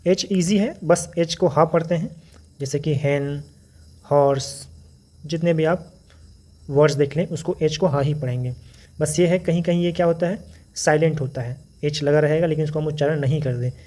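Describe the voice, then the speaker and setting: Patient male phonics teacher, mellow voice. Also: fairly high pitch. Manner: patient, explanatory, repeats example words slowly. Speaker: English teacher. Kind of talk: phonics lesson.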